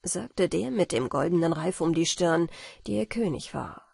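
Husky woman reading a bedtime story. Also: lowish voice, expressive, measured pace, a little mellow, no room sound, studio quality. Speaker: audiobook narrator.

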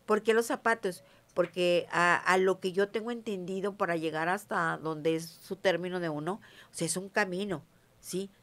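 A middle-aged woman with a Mexican accent speaks at a fairly low pitch with fairly even intonation, a moderate pace, and a fairly bright tone. Appearing as a casual interview guest who calls herself a witch, she's chatty and emphatic, often asking "¿sí me entiendes?"

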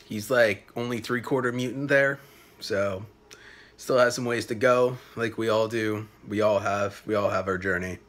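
A young man in his late twenties rambles casually into a phone camera held at arm's length in a small apartment room. His voice sits lowish and steady with a fairly bright tone, and his loose delivery is full of swearing, fillers, and trailing halts.

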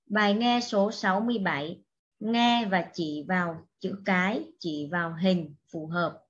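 Slow patient lady teacher walking little kids thru english words, kinda muffled recording. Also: fairly low pitch, husky. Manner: patient, repeats words for pupils to echo. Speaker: primary school English teacher. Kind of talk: slow classroom instruction for young children.

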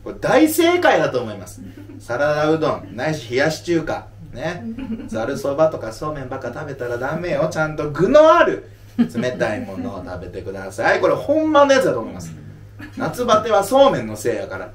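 A man's voice: a little high, wildly swooping pitch, a little fast, reverberant, recorded from a distance. A man in his thirties from Japan, a comedian answering audience questions after a show in a playful, mock-serious lecturing way. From Aomori, Japan. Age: 30s. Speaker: stand-up comedian. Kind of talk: casual Q&A talk after a live show. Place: live venue.

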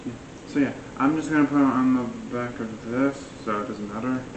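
This vlogger is a man in his twenties with a medium-pitched voice, talking at normal speed in a loose, filler-heavy, wandering way for a relaxed home cooking video. The audio is muffled, picked up from afar by a camera resting on the counter of his small indoor kitchen. Echo and background noise fill the room.

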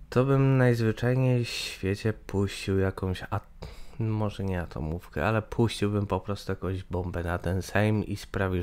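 His voice on the low side and a little mellow, a young Polish man in his twenties shares his views as a gaming channel host. He hesitates throughout, with many fillers and restarts. A webcam in a small room records him, appearing in the corner of a screen capture.

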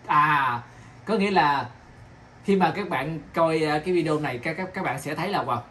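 A man's voice: a little high, moderate pace, sharp tone, slight background noise. Chatty Southern Vietnamese man vlogging. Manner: chatty, repeats himself, keeps asking viewers "right?". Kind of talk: casual kitchen vlog.

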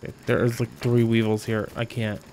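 A man's voice: mid-range voice, monotone, a little fast, darkish tone, a little hiss or hum. A man streaming a video game, thinking aloud in a rambling, jokey way. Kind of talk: casual gameplay commentary.

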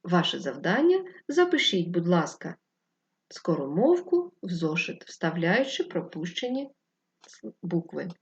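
A woman teacher speaks to young children in a distance lesson, her pitch rising and falling in a lively, singing way. She spells out every instruction slowly and clearly. The recording sounds dull and a little lo-fi. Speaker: primary school teacher. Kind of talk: distance-learning lesson for first graders.

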